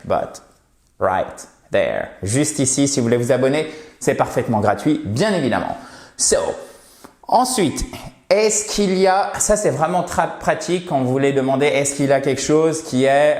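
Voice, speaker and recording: A man teaching English in French, explaining phrases and repeating words slowly to model their pronunciation. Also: mid-range voice, darkish tone. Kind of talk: casual video lesson. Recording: roomy echo.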